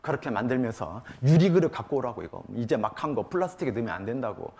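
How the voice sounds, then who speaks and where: Man telling a lively lecture story. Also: mid-range voice, quick pace. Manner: animated, chuckles while telling a story. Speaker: lecturer at a church mothers' class.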